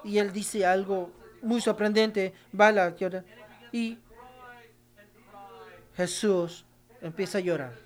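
A preacher delivers a sermon in a mid-pitched voice, reading scripture aloud and pausing over it. Key phrases come back again and again for stress, and listeners are told directly what to underline and repeat. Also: steady tone. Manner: addresses the congregation directly.

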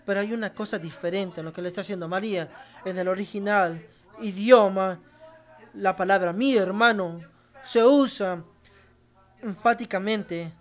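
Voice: mid-range voice, normal speed. Preacher stressing lines in a sermon. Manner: emphatic, repeats key phrases for stress; addresses the congregation directly. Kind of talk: sermon with Bible reading.

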